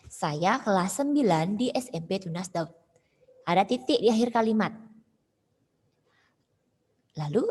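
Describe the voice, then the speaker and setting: A woman teacher with a breathy, husky voice gives an online class lesson. She explains patiently and repeats each example. A long hall reverb trails after her words. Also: medium pitch.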